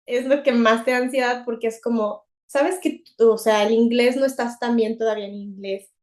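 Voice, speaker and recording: A young woman with a Mexican accent, co-hosting a podcast in a chatty, animated way and laughing often. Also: a little high, moderate pace. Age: young adult. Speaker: podcast co-host. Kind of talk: casual chat.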